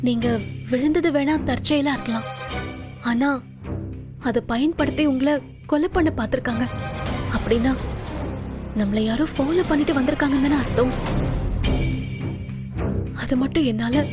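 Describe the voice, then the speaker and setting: Young wife, an actress, high voice, tearful and pleading, score under her. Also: moderate pace, long pauses, music in the background, close to an everyday voice. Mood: earnest. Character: Bharathi, devoted young wife, tearful and protective. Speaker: actress in a TV serial. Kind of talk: TV serial acting.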